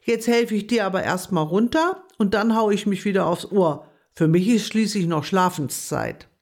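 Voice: medium pitch, expressive, moderate pace, darkish tone. A storyteller voicing a friendly, sleepy male raccoon who talks in an easygoing, cheerful way.

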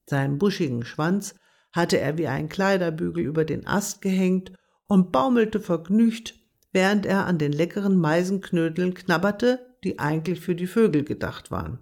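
A narrator reading a children's storybook aloud in a gentle, measured way. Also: medium pitch.

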